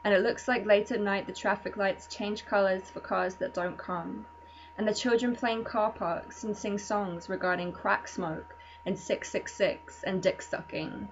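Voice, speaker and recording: A woman performing her own spoken word poetry in a measured, deadpan delivery. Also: mid-range voice. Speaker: poet. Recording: muffled lo-fi recording with faint hum.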